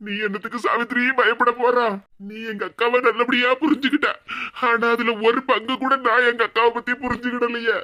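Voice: mid-range voice, level tone, fairly quick, pushed and bright, lightly acted. A voice actor playing a remorseful, tearful middle-aged cartoon husband in Kanyakumari Tamil who laments and repeats himself. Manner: lamenting, repeats phrases mournfully. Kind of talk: cartoon comedy voice acting.

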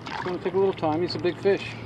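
A man filming from his kayak on the open ocean, calmly coaching a friend through a long fight with a fish and calling him buddy. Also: high-pitched, racing, dull audio, noisy background. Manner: calm, coaxing, repeats "buddy". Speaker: fishing guide and channel host. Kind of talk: encouraging coaching while filming.

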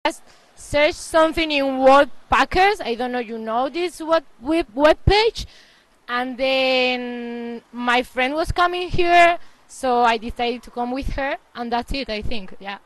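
A woman's voice: sits high, measured pace, a bit bright, dry recording, poor audio. A young woman from the Basque Country in Spain, answering interview questions casually on a handheld mic indoors. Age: young adult. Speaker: staff member interviewed. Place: indoor hostel reception.

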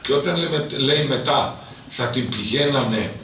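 A man's voice: medium pitch, a bit bright. A male priest giving an emotive storytelling talk to an audience, building to impassioned emphasis. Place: cultural centre hall. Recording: very echoey hall from far off, faint noise.

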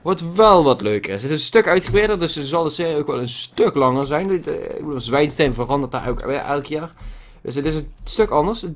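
A man's voice: fairly high pitch, lively intonation, fairly quick. A man giving casual gameplay commentary at his computer, swearing a lot with exaggerated frustration. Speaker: gaming YouTuber. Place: at a computer desk with a loud keyboard. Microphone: desk microphone.

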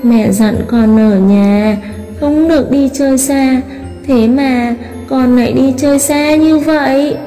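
Teacher lady doing a tiny squeaky bunny boy, timid, reverby hall, music underneath. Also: slow. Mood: apologetic. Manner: squeaky childlike high voice. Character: little boy rabbit, small, timid and remorseful. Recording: long hall reverb, soft music behind.

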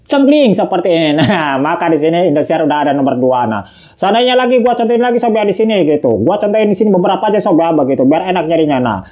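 Rapid-fire man with slang. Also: on the high side, expressive, darkish tone. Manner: rushed, repetitive, chatty, says he talks too fast. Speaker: tech tutorial host. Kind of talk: casual how-to demonstration.

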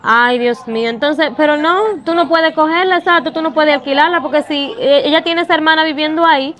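A woman's voice: high-pitched, fairly quick, fairly bright tone. A woman playing a sympathetic friend who sighs at others' troubles and moralizes about them. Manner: sympathetic, sighing. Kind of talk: amateur drama acting.

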